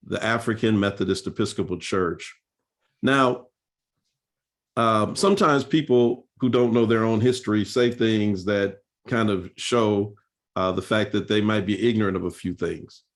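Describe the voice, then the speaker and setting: A male pastor with a lowish voice speaks at a seminar, recounting church history earnestly and in storytelling fashion. He uses lots of fillers and often restarts his sentences.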